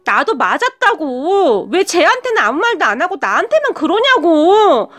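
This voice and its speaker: A woman's voice: extremely high pitch, sing-song, moderate pace, a bit bright, faint music behind, voice pushed up, full character voice. A woman voicing a spoiled, combative grown sister-in-law who whines and screeches. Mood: whining. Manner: screeching, whining.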